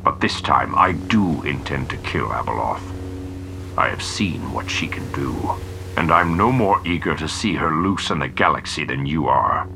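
A man voicing a desperate male Sith high lord whose helmet gives his voice a droning sound, often hushed and whispery. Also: lively intonation, normal speed, gravelly, noisy background, exaggerated voice. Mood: menacing hush. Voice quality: droning through a helmet voice box. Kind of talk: audiobook character voice.

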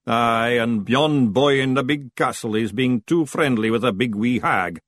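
A man voicing a plain-spoken, grumbling big Feegle with a Scottish accent in an audiobook, slow and blunt. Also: medium pitch, fairly bright tone, no room sound, close to an everyday voice. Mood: grim.

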